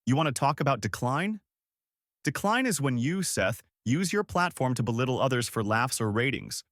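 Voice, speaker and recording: A man's voice: very animated, moderate pace, fairly bright tone, no echo, studio quality. A man reading as a defiant, dignified young man. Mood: firm. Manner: low, firm and cutting.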